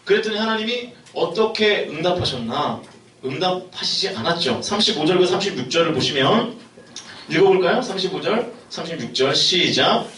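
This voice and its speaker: A young youth pastor preaches in a church sanctuary with a high, animated, pushed and bright voice at a moderate pace. He puts questions to the congregation, and the echoey hall makes the mic sound distant.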